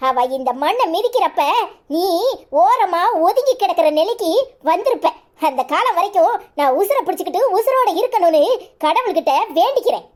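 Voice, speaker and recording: A woman's voice: extremely high pitch, big pitch swings, moderate pace. A woman voicing a proud, indignant older in-law in a cartoon, issuing cursing warnings in a Tirunelveli Tamil accent. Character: proud indignant older mother of the absent wife.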